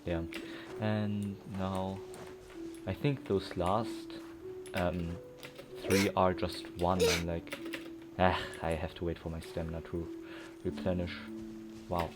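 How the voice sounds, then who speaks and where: A man plays a video game and casually thinks aloud about it, speaking slowly in a low, flat voice. His rambling commentary sits over loud game music.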